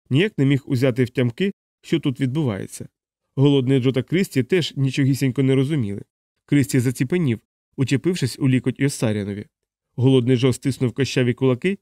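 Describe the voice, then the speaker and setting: A male narrator with a dark, mellow voice reads a novel aloud at a steady, even pace. The recording is dry and close, with no room sound around him. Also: mid-range voice, dry recording. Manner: steady, even literary reading. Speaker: audiobook narrator. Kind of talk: scripted audiobook narration.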